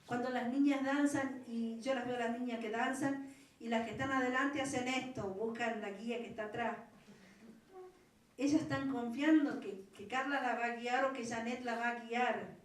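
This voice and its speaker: A woman's voice: a little high, steady tone, normal speed. Argentine lady pastor preaching pentecostal style, fervent, big echoey church hall, mic kinda far off. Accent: Argentine Spanish. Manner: fervent, swelling to loud pleas. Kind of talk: Pentecostal sermon.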